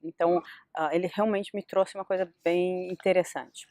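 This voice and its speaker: Lively woman giving advice, dry close sound. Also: fairly low pitch, moderate pace, no room sound. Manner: lively, animated storytelling with quoted dialogue. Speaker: vlogger. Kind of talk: casual advice vlog.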